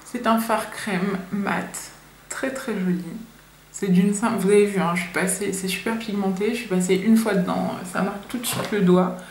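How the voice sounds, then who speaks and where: In a medium-pitched voice with fairly flat intonation and an ordinary pace, a young French woman chats to camera for a makeup review. She sounds like a nervous beginner, talkative and heavy on fillers. The audio comes from a camera mic in an echoey room, with faint hiss.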